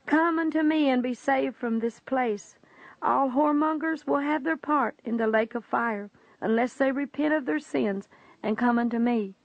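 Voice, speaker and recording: A woman reading the lines of Jesus in a testimony story, with grave, measured pronouncements. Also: high voice, vocal fry, dry recording. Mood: solemn reproach. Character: solemn male Jesus, stern and sorrowful. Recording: dull, dry lo-fi recording.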